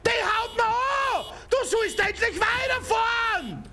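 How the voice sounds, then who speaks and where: Brief: young Austrian gaming streamer, high voice, angry outbursts at traffic, faint hiss in the room. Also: male voice, expressive, slow, creaky. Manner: swears and shouts at other drivers. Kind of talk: let's play commentary. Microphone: desk mic with headset.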